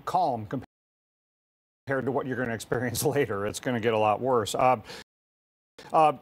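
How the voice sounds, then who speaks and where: A man hosting live weather coverage and interviewing, speaking in halting, hesitant phrases. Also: medium pitch. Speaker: weather broadcast host.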